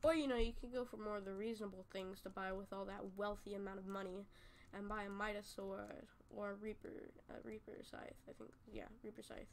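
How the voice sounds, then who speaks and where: A woman's voice: mid-range voice, flat delivery, brisk, a little hiss or hum. A woman giving casual, rambling commentary over gameplay as a gaming YouTuber, often correcting herself. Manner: rambling, chatty, self-correcting. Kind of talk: casual game tutorial commentary.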